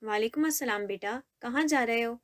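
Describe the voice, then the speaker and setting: A woman's voice: on the high side, lightly acted. A woman voicing a kind middle-aged aunt who speaks affectionately to the young men. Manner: affectionate, polite.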